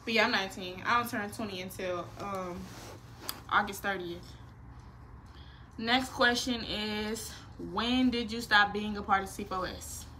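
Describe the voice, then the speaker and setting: Speaking at a measured pace in a medium-pitched voice, this nineteen-year-old vlogger chats playfully through a Q&A from her small bedroom. She's animated and full of slang, her hands moving expressively, with a bit of background noise behind her.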